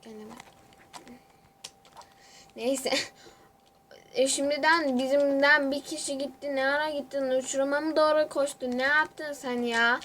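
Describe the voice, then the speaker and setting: A young woman gives excited, chatty commentary as she plays a computer game. Her voice sits high and she talks at a slow, unhurried pace. Faint keyboard clicks sit under her voice. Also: a little hiss or hum. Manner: excitable, chatty, talks to viewers while playing. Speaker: gamer. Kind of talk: casual gaming commentary.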